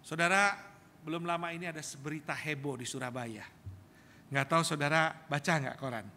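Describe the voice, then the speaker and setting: A middle-aged preacher with a high, very bright voice. He tells dramatic stories to his congregation, turning to them again and again, while his voice trails off into a long church reverb. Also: a little fast, slight background noise. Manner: storytelling, animated, addresses congregation as "saudara". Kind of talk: sermon. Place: large church hall.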